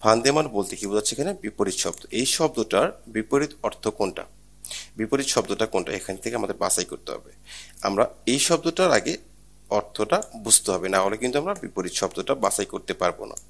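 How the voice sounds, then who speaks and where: A man's voice: on the low side, animated, quick pace, creaky. A man teaching a Korean exam prep lesson, explaining each question step by step and asking rhetorical questions as he goes.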